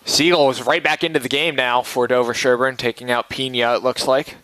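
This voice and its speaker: Bright-voiced male soccer play-by-play man. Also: mid-range voice, fairly even intonation, brisk, no echo. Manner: clipped running play-by-play phrases. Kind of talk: live sports commentary.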